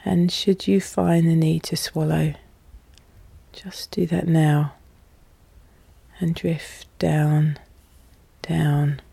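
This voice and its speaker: A podcast host guiding relaxation in a calm, soothing, soft and hushed voice, with measured, deliberate phrasing. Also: mid-range voice, vocal fry, slightly rough, no echo. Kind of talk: slow, soothing guided hypnosis narration.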